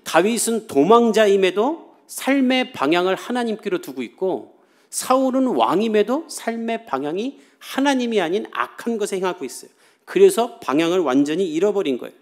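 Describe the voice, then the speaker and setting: A man's voice: high-pitched, animated, moderate pace. A man preaching a sermon as pastor, telling the story in a casual, chatty way and acting out the quoted lines.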